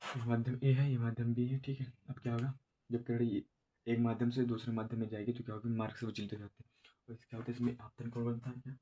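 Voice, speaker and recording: Male teacher, monotone delivery, slow and repetitive, headache-weary exam lesson. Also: medium pitch, breathy edge, muffled recording. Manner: slow, repetitive explaining with many filler checks. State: has a headache. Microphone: no proper voice recorder.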